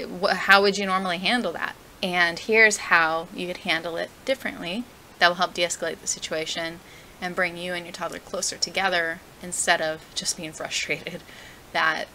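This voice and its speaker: A woman's voice: lowish voice, sharp tone, a little hiss or hum, low-quality recording. A young woman teaching parents how to handle toddler tantrums, earnest and conversational, often asking the viewer questions. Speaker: parenting educator. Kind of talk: direct-to-camera parenting advice.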